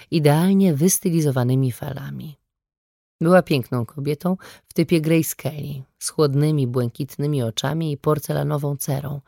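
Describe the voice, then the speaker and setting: A woman reads a first-person novel aloud in a measured, even way. Her voice sits low for a woman, and the studio recording is close and dry. Nothing is heard behind her. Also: no room sound. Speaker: audiobook narrator. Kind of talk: first-person scripted narration.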